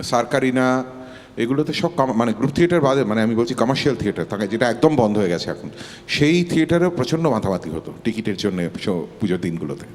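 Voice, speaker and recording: A man's voice: mid-range voice, darkish tone. A man, a singer guest reminiscing in a wistful, musing, self-deprecating way. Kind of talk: reflective casual chat. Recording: long hall reverb.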